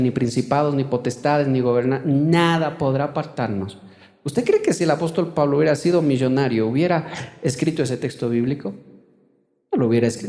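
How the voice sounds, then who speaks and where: High-pitched guy pastor preaching, calls out to the church, echoey hall with long reverb. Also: a little mellow. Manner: preaching with rising, calling out to the congregation. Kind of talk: sermon.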